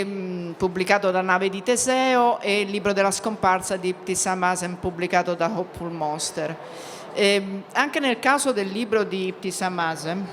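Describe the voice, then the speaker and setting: A woman moderating a panel at a book event, speaking in a measured way with frequent hesitation sounds. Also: fairly low pitch, fairly bright tone. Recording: reverberant hall with faint background noise.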